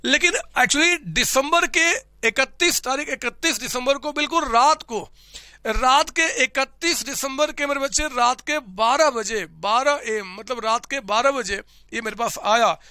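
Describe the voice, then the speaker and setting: A man's voice: very high-pitched, measured pace, bright, forceful tone, dry recording, clean studio sound. A male accountancy teacher giving a classroom lecture, telling a story and often repeating phrases while calling his students children.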